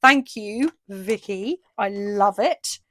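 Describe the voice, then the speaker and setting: A woman from the UK, a craft shop owner chatting through a casual video update and an unboxing, says she is losing her voice and gets excited over each item. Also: mid-range voice, takes it slowly, a little hiss or hum. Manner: chatty, enthusiastic, frequent ooh and fillers.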